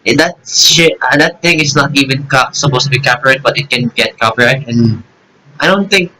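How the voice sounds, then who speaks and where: Bright-voiced young man rambling to camera. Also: medium pitch, brisk, a little hiss or hum, low-quality recording. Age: 20s. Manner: chatty, self-mocking, swears freely. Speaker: YouTuber reacting to videos. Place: alone in a room.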